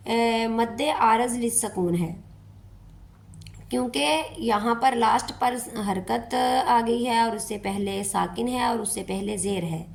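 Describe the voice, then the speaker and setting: Slow patient woman teaching recitation. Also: a little high, vocal fry. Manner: slow, patient explaining with drawn-out demonstrations. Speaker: Quran tajweed teacher. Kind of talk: step-by-step recitation lesson.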